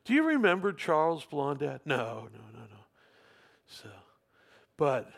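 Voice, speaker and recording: Slow, gravelly-voiced preacher man. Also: on the high side, huge pitch swings, a bit bright. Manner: storytelling with rising emphatic questions to the congregation; talks with the congregation. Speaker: pastor. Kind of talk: sermon.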